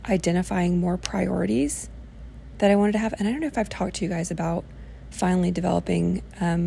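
A woman's voice: fairly low pitch, gravelly, dark tone, slight background noise. A woman leading an informal self-help workshop, rambling as she thinks aloud. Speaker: workshop presenter.

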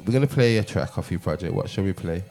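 A man hosting a casual podcast interview, slangy and halting, often repeating himself. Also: deep voice, lively intonation, vocal fry, darkish tone.

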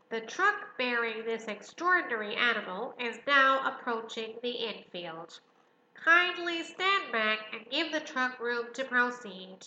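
A woman reading a storybook as a pompous, formal fairground loudspeaker announcer. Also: fairly high pitch, dull audio, full character voice. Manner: pompous, formal, self-important. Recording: roomy echo, faint noise.

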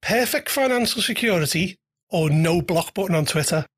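A podcast host asking a guest quick-fire questions, teasing and laughing often. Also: mid-range voice, lively intonation, background noise. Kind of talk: casual interview chat.

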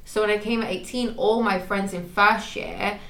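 A young woman from Manchester hosting a casual podcast chat, talkative and quick to laugh at herself. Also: mid-range voice, steady tone, fairly bright tone. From Manchester, England. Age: young adult. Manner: chatty, laughs easily, self-mocking. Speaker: podcast host. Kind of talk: casual conversation. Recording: echoey room.

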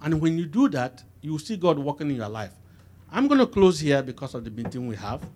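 Animated preacher with call-and-response questions. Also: male voice, fairly high pitch, fairly quick. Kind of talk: sermon.

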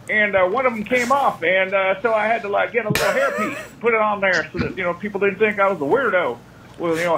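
A man's voice: high voice, noisy background. A man leaving a rambling, joking voicemail message as a caller, stumbling over his words with constant "you know" fillers. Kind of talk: joking prank-style call.

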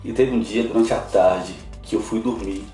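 A man's voice: on the low side, fairly even intonation, normal speed, warm tone. A man, a guest missionary sharing an emotional personal testimony in a podcast interview. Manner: earnest, emotional storytelling. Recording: roomy, distant mic, faint music.

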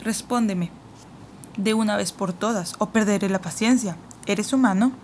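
A woman's voice: medium pitch, moderate pace, darkish tone, lightly acted. A woman voicing an imperious queen who questions sharply and impatiently, in an audiobook reading with a faint hiss behind. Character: cold imperious queen, commanding and suspicious.

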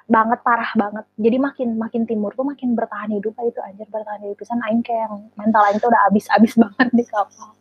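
Young Sundanese-accented woman, husky voice. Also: on the high side, fast. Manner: lively storytelling, slangy and expressive. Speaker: podcast guest. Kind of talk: casual podcast chat. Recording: somewhat dull lo-fi sound.

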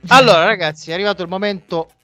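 A man's voice: high-pitched, very fast, a bit bright, no room sound. A man hosting a football talk show in casual chat, with an ironic, mock-grand manner. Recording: dry, dull lo-fi audio, music behind. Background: music.

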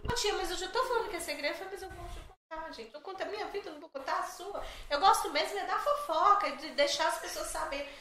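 Her voice is very high and she talks fast, barely pausing, as a middle-aged woman sharing stories on a podcast. She's animated, talkative and jokey throughout this casual chat, captured in an echoey space with faint noise behind it.

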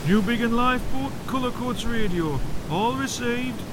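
A man playing a brisk coastal radio operator who answers in clipped radio procedure. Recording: background hiss and rumble.

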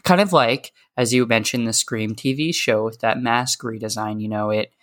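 A man's voice: mid-range voice, moderate pace, fairly bright tone. Easygoing man rambling in casual chat. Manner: easygoing, rambling, many fillers and hedges.

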